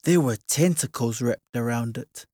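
A narrator reading a children's storybook aloud in a slow, expressive way. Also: mid-range voice, dry recording, studio quality.

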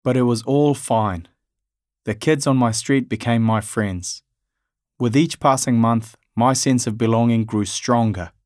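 A man from Afghanistan narrating his family's story in a measured, reflective way. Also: medium pitch, darkish tone, no echo, studio quality.

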